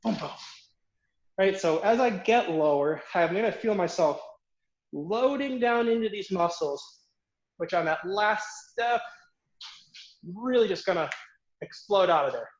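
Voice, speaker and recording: Male fencing coach, higher voice, out of breath, roomy slightly muffled home recording. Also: lively intonation, measured pace, long pauses. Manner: counts reps aloud while demonstrating drills. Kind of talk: online footwork class instruction.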